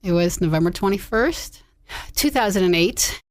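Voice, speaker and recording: A woman's voice: mid-range voice, expressive, moderate pace. A middle-aged woman, a sister, recalling family events plainly in a documentary interview. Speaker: sister of the exonerated man.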